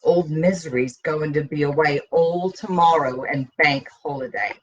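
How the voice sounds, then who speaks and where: A woman's voice: measured pace, breathy edge, recorded from a distance, lo-fi sound. A woman reading as T, a grave, intense boy. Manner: low-key, intense, withdrawn.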